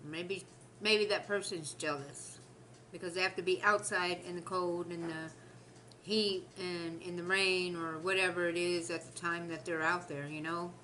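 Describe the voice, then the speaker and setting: A woman's voice: on the low side, steady tone, measured pace, bright, forceful tone, a little hiss or hum, rough recording. A woman chatting casually to the camera while eating, exclaiming and complaining in a chatty way. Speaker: mukbang vlogger.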